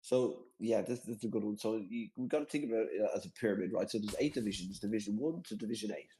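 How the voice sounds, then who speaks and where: The speaker is an Irish man chatting casually on a video call, describing a game in a rambling way full of repetition and quick laughs at his slip-ups. His lowish voice is mellow, and the recording is rough.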